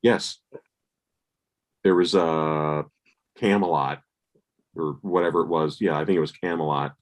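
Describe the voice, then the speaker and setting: A man's voice: very deep voice, steady tone, a little slow. A man co-hosting a casual music podcast, telling rambling anecdotes and swearing casually. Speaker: podcast co-host. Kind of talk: casual chat.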